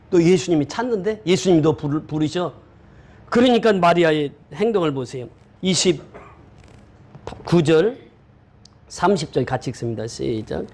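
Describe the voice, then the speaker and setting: A male pastor preaching a sermon, often quizzing the congregation with questions. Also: high-pitched.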